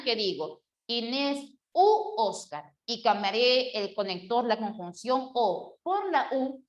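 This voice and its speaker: A woman teacher walks her class through a grammar rule one example at a time. Her voice sits a little high, and she keeps asking questions and then answering them herself. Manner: explains step by step with worked examples and rhetorical questions. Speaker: language teacher.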